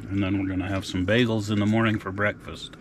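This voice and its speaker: A middle-aged man giving relaxed, folksy updates in a casual outdoor vlog, recorded on a camera mic. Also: on the low side, quick pace, background noise. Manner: laid-back, folksy updates. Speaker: outdoor vlogger. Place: frozen lake outdoors and inside an ice-fishing tent.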